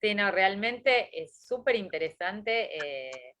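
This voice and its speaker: A woman's voice: mid-range voice, sing-song, takes it slowly, a bit bright, slight background noise. A woman co-hosting an interview, asking follow-up questions with curiosity and enthusiasm. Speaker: interview co-host. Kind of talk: casual interview talk.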